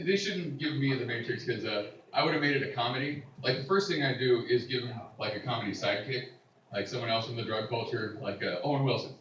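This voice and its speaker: A man's voice: mid-range voice, fast talker, a bit bright. A man doing a loose stand-up set, rambling and laughing at his own jokes. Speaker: stand-up comedian. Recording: echoey bar room from far off with crowd.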